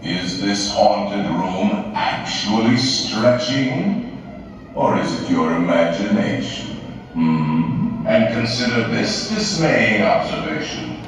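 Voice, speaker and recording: An actor playing a sinister ghost host in haunted ride narration, speaking with slow, theatrical villain menace. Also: male voice, on the low side, expressive, slight background noise. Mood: sinister, mock-polite. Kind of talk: scripted theme park ride narration. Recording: echoey hall playback with music, far off.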